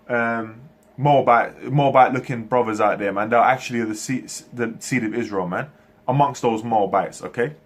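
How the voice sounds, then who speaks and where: A man preaches at length, his voice a little rough and breathy at a middle pitch. He restarts his sentences often and closes almost every phrase with a "man" or an "okay". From Turkey, raised in England. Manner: halting, frequent restarts. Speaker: religious speaker. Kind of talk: preaching monologue to camera.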